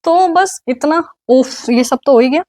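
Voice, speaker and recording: Indian woman, young, grammar teacher, slightly high voice, slow drilled words. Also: darkish tone. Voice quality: slow, drawn-out pronunciation drills. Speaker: English teacher. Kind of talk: online grammar class.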